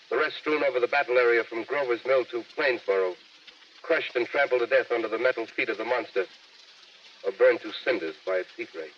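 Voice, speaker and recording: A man's voice: medium pitch, vocal fry. An actor playing a grave male studio announcer reading urgent news bulletins in a 1930s radio drama, heard through an old AM radio broadcast. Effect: old AM radio broadcast sound. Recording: distant, muffled 1938 radio broadcast with hiss.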